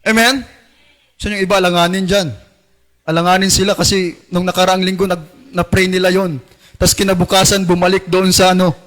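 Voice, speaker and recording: A man's voice: little pitch movement, a little fast, fairly bright tone. A male pastor with a Filipino accent preaching a Sunday sermon, calling on the congregation to repeat lines after him and slipping English phrases into his Filipino. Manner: acts out tempting whispers in a lowered voice. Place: church service.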